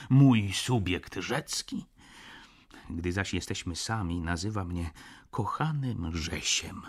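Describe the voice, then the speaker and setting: A man reading an audiobook, narrating in the first person in a measured, reflective manner. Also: lowish voice, breathy edge. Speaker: audiobook reader.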